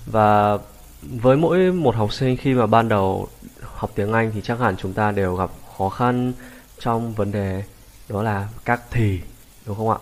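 A native Vietnamese speaker with a lowish voice gives beginners an English grammar lesson, patiently repeating each English phrase slowly for the learners.

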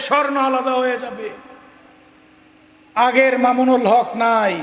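A man with a Bangladeshi Bengali accent preaching a fiery sermon at a rally, shouting his repeated refrains with passion. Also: extremely high pitch. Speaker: Islamic preacher. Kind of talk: fiery open-air sermon. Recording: echoey amplified hall with long reverb.

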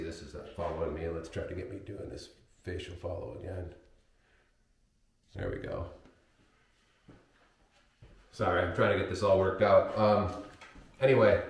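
A man livestreaming from his home darkroom, talking in a rambling, apologetic way with many fillers, his voice carrying a heavy booming room echo from the camera's built-in mic. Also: a little hiss or hum. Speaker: photographic printmaker livestreaming. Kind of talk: casual live stream chat. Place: home darkroom workspace with sink. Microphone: camera's built-in mic, wireless mic failed.

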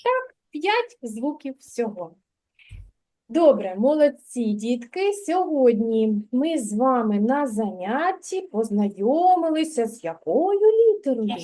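A woman teaching a literacy lesson to preschool children in a kindergarten classroom, speaking clearly and drawing out words so the children can follow. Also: on the high side, very animated, slow, mellow.

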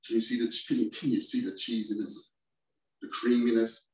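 On the low side and fairly even in intonation, this man talks at normal speed against a noisy background. He's a chef in his forties running a casual, enthusiastic home-kitchen cooking demo aimed straight at viewers, picked up by a far camera mic with roomy kitchen sound.

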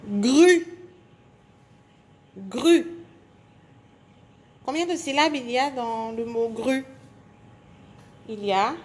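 A woman teacher giving a phonics lesson to young children, speaking slowly and clearly articulating, stretching out sounds and syllables. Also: on the high side, a little hiss or hum. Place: indoors at a table.

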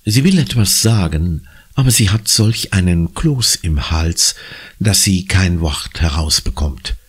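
A man narrating a children's audiobook with expressive storytelling. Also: low voice, a little slow, breathy edge. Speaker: audiobook reader.

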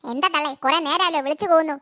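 A woman voicing a harsh, short-tempered mother in an animated cartoon, stern and sarcastic. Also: high voice, racing. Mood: resentful.

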